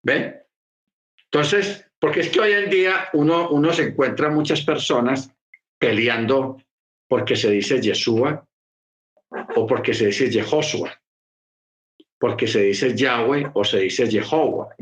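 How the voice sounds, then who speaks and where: A man's voice: medium pitch, slow pace, long pauses, a bit bright, roomy sound. A man preaching a sermon, explaining patiently and repeating key phrases for emphasis. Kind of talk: sermon teaching.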